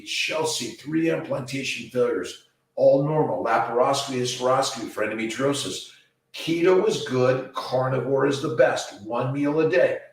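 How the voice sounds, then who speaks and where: Man echoing like he's in a cave. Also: mid-range voice. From Los Angeles, USA. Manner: rambling, scattered, with many "uh, let's see" fillers. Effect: cave-like echo on the voice. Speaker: doctor. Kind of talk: casual livestream answering viewer comments. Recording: very echoey, distant from the mic.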